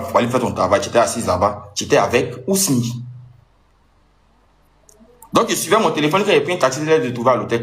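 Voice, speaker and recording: A man's voice: medium pitch, a bit bright. A young man, telling off his ex-partner in an agitated monologue with rising outbursts. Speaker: social media personality. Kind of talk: angry monologue addressed to an ex-partner.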